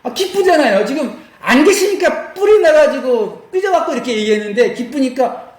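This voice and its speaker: A man preaching a lively Bible-study sermon, acting out quoted voices and laughing as he goes. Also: very high voice, normal speed, echoey room, a little hiss or hum. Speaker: pastor.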